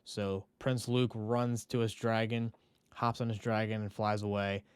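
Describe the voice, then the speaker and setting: A man hosting a podcast, retelling a TV episode in a casual, animated way and now and then acting out the characters' lines. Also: on the low side, unhurried, clear, resonant tone, dry recording. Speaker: podcast host.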